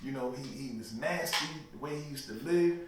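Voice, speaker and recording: Talking fairly quickly in a mid-range voice, a man answers as an interview guest. His talk is religious, emphatic, and preachy, with frequent "you know what I mean" checks. The room is echoey, the mic far away, and a little noise comes through.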